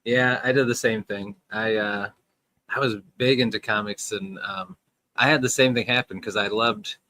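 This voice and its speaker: A man's voice: on the low side, normal speed, sharp tone, no echo. A man in his forties hosting a casual live chat, talking in a rambling, friendly way and laughing often, recorded in a storage room. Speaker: host. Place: storage room next to a furnace.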